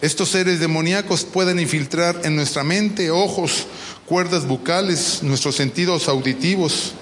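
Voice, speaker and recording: Male preacher with a high voice, emphatic and questioning, in a church with faint background noise. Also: measured pace, fairly bright tone. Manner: emphatic preaching, quizzes the congregation. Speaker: pastor. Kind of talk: sermon. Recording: long reverb of a large hall.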